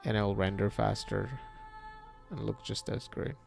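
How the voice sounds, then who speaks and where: A man hosting a casual livestream, chatting in a relaxed, rambling way, reacting to viewer chat and laughing often. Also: fairly low pitch, a little slow, vocal fry, soft background music. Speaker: livestream host and 3D artist.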